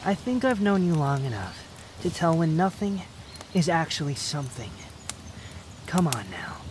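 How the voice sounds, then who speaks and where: A man playing a prideful, sharp-tongued puppet wanderer with a secret fondness, speaking to the listener in a roleplay audio drama, haughty and unhurried. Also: on the high side, very animated, a little hiss or hum. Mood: wry, confessing.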